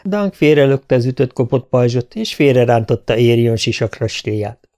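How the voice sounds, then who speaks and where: A man narrating a fantasy story as an audiobook reader, measured and steady. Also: mid-range voice. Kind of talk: scripted narration.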